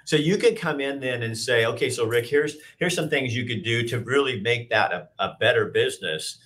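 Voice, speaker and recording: A man's voice: medium pitch, normal speed, fairly bright tone. A man in his fifties hosting an interview over a video call, talking in loose, rambling sentences with frequent restarts. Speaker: host. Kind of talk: casual interview chat. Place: indoor office with brick wall. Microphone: video call webcam.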